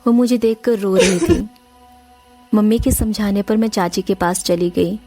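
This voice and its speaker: A woman with a mellow, medium-pitched voice speaks a little slowly, narrating a first-person horror story. She's earnest and emotional, addressing her listeners directly, with faint music in the background.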